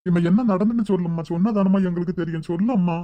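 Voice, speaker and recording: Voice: mid-range voice, rapid-fire, warm tone, close to an everyday voice. A voice actor voicing a worried son in a cartoon, pressing his mother and scolding his father. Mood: urgent. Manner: urgent, questioning. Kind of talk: cartoon voice acting.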